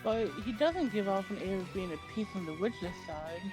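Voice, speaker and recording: Mid-pitched woman reading game dialogue. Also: expressive, normal speed, music in the background, low-quality recording. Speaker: let's play co-host reading game dialogue. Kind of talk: scripted dialogue read aloud.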